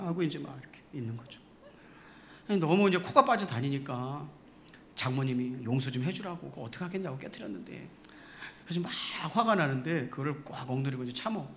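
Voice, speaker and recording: A man pastor preaches in a church, his voice a little high and bright. His pitch swings widely as he tells his story with animation and laughter, and a faint hum sits behind him. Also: expressive, fairly quick, gravelly. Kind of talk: sermon. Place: church sanctuary.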